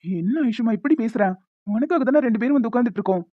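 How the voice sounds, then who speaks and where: A woman voicing a caring friend who coaxes and lectures gently in a cartoon. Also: a little high, lively intonation, quick pace, dry recording. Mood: coaxing. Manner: coaxing, advising. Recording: tinny phone-like dry recording.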